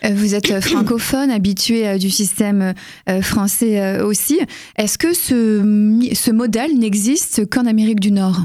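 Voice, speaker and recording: A woman hosting a radio interview, asking measured, polite questions with occasional fillers. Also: medium pitch, a little mellow, no echo, clean studio sound. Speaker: radio host.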